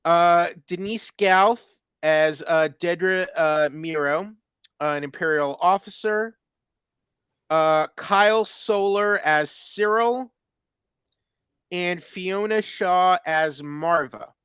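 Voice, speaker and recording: A man's voice: high voice, takes it slowly, a bit bright, clean tone, no room sound. A man co-hosting a casual chat about a TV premiere, talking with many fillers and restarts. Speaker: watch party co-host. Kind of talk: casual pop-culture chat.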